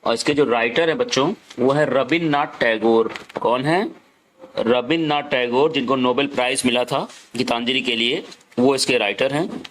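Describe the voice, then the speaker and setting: A male schoolteacher explains a story lesson to children, reading each English line slowly and then going back over its meaning. His voice sits at an ordinary middle pitch. A faint hiss runs under the recording. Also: fairly bright tone. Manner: slow, repetitive, reads English lines word by word. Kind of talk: classroom lesson explaining in Hindi.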